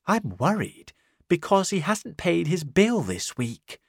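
A reader voicing a worried, sharp-tongued innkeeper's wife who questions her strange guest. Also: mid-range voice, very animated, slow pace, creaky, slightly rough, no room sound, clean studio sound, pitched above the performer's own voice, full character voice.

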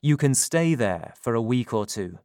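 A man voicing a worried, guilty man who speaks in a measured, earnest way. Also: mid-range voice, sing-song, darkish tone, no room sound, clean studio sound, close to an everyday voice. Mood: urgent. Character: worried Englishman, quietly guilty.

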